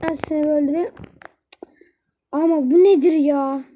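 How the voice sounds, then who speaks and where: Excitable high-voiced young woman gamer. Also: measured pace, lo-fi sound. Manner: excitable, talks to the game characters. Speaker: gaming channel host. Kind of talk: live gameplay commentary.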